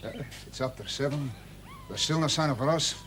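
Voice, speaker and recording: A man's voice: fairly high pitch, moderate pace, a bit bright, lightly acted. An actor playing a weary, affectionate, homesick ageing spy and father in a television drama. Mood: worried. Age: older. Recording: vintage TV soundtrack, clear background noise.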